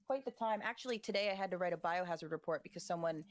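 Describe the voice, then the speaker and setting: A woman's voice: on the low side, noisy background. Bubbly young woman telling work stories. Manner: bubbly, swearing, quick storytelling. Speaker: guest streamer. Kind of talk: casual voice chat.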